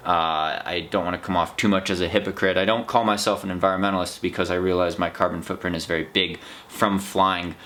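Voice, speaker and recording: A man's voice: low-pitched, fairly bright tone. An American man talking in a casual, unscripted vlog monologue, rambling in a reflective, earnest way. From United States. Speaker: vlog host, trail runner.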